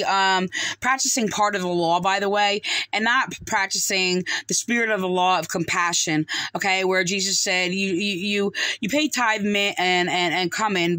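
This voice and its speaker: A middle-aged woman speaks close to her phone in a dim indoor room, and her voice comes across bright and crisp. The sound is dry and close. She comments on scripture in a halting, rambling way, full of fillers and restarts. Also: mid-range voice, no echo, low-quality recording. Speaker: video commentator. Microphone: phone held close to face.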